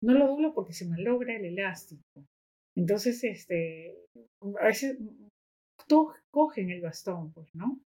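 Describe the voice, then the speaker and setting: A woman speaks as a podcast guest. Her voice is husky and slightly breathy at a medium pitch. She tells stories in a loose, chatty way and keeps adding little questioning tags. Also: animated, measured pace, mellow. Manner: anecdotal, tags sentences with questioning asides. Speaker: guest, educator and activist. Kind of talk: casual podcast conversation.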